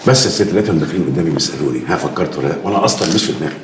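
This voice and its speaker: A man's voice: rumbling low, expressive, racing, background noise. Fields: Accent: Egyptian. Figure: a wary aging father. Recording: echoey, distant.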